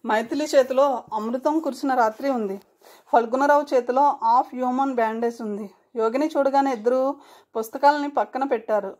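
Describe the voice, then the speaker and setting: A woman storyteller reading a novel aloud in a steady, expressive way. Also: high voice, fairly quick.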